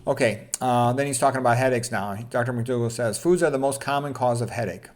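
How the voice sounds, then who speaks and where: A doctor gives an informal health lecture in a mid-range voice at a fairly quick pace. He reads out quotes and adds blunt, opinionated, colloquial commentary.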